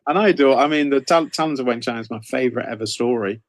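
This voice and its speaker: A middle-aged man, a guest author being interviewed about his writing career, talks casually and informally, often hesitating and rephrasing. His voice is mid-range and he talks fast. The recording is dry.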